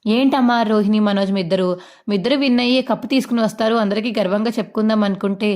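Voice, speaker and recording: A woman voicing a sharp-tongued, scornful mother-in-law in a fast retelling. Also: mid-range voice, steady tone, lightly acted. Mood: taunting. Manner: taunting, scolding.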